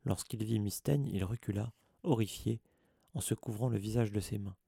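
A man reading an audiobook as narrator in a measured, steady scripted narration. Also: on the low side, gravelly, husky, no echo, studio quality.

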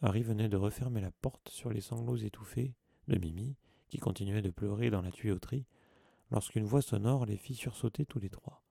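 Gravelly low male audiobook narrator. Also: moderate pace, no room sound, studio quality. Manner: even storytelling. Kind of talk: scripted narration.

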